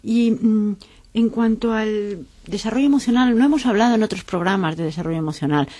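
Woman host asking questions slowly. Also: medium pitch, dark tone, no echo. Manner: asks questions slowly, searching for words. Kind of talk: radio interview.

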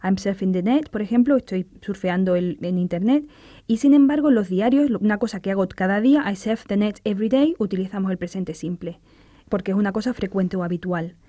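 Woman teacher going over english tenses, warm mid voice, gives examples. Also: medium pitch, a little fast, no echo. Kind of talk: explaining grammar in a studio lesson.

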